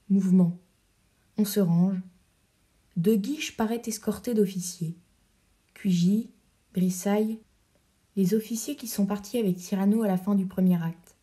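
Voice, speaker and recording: Slow-reading woman audiobook narrator. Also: mid-range voice. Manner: measured, even reading. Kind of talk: reading stage directions.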